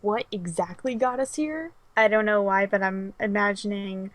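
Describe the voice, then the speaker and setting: A woman's voice: mid-range voice, normal speed, dry recording. A young woman joining a friend in telling an improvised story, chiming in and laughing along.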